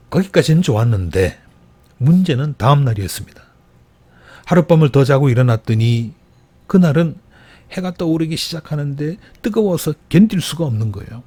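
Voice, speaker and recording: A man's voice: medium pitch, dark tone, no echo. A man preaching a Sunday sermon as pastor, telling a Bible story and acting out the quoted voices with rising emphasis. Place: church.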